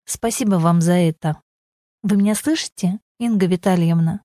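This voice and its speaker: A woman's voice: on the low side, moderate pace, warm tone, dry recording, clean studio sound, lightly acted. A woman reading the part of a grey-haired older man who grumbles but pleads and apologizes, in an audiobook story. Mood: pleading.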